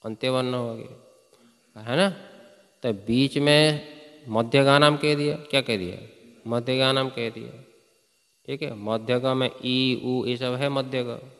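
Slow-paced man teaching Sanskrit grammar. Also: mid-range voice, steady tone, a bit bright, in a large hall. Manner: slow, chants verses, quizzes students with questions. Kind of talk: classroom lecture.

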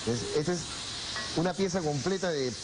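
A middle-aged Peruvian chef with a slightly high voice calmly explains his recipes at the stove, unhurried and repeating words as he works. He later moves from the restaurant kitchen to the dining room to reminisce about home cooking, all on a noisy restaurant recording.

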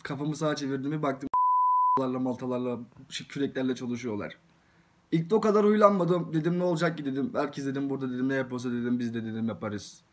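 Young man telling a rapid barracks tale. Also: mid-range voice, a little hiss or hum. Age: young adult. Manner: storytelling, repeats "dedim" after every phrase. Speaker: soldier telling a story. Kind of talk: casual anecdote.

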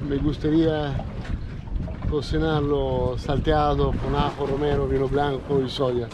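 A man's voice: mid-range voice, flat delivery, unhurried, background noise. A middle-aged man with an Italian accent, a chef talking casually about cooking fish, hesitant with many fillers, outdoors on a small boat at sea.

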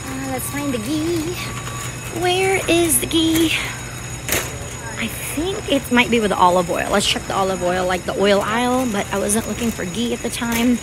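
A woman vlogs while shopping in a large store, chatting to her viewers in a casual, rambling way. Her voice is fairly high and her pace moderate, with a noisy background behind her.

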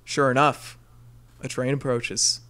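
A man co-hosting a casual comedy podcast, reading out a listener's dream as an animated storyteller who laughs often. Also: mid-range voice, slow.

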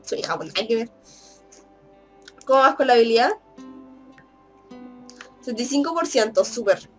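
A woman's voice: fairly high pitch, lively intonation, moderate pace. Chatty young woman playing a game. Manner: chatty, laughing, teasing the game characters. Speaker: gaming YouTuber. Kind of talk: casual Let's Play commentary. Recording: faint background game music.

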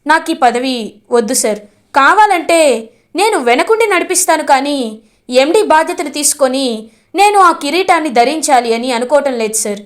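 A humble, respectful young man from a family drama, as a woman narrator puts him on. He speaks softly and a little lower, with modest restraint. The voice stays gentle. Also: animated, normal speed.

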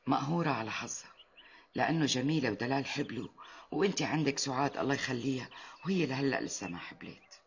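A woman's voice: very deep voice, animated, fast, highs cut off, slight background noise. An actress in a Syrian TV drama playing an older, motherly mother-in-law who scolds fondly, with a Damascene accent. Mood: soothing. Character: older kindly mother-in-law, head of household.

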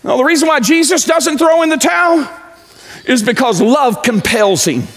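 High-voiced animated man preaching. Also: moderate pace. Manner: animated preaching, pacing the stage, swinging from loud to low. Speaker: pastor. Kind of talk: sermon. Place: large church stage, indoors. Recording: echoey church hall.

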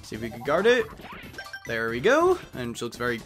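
A young man hosting a let's play swoops wildly in pitch around a mid-range, slightly bright voice, speaking fairly quickly. He reads the game's text aloud in put-on voices and slips in wry, chatty remarks while faint game music plays.

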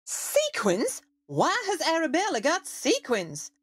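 A woman's voice: high voice, huge pitch swings, takes it slowly, exaggerated voice. A woman voicing a vain, haughty amateur diva who wants the spotlight. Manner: haughty, indignant. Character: vain diva Sissy, wants star billing.

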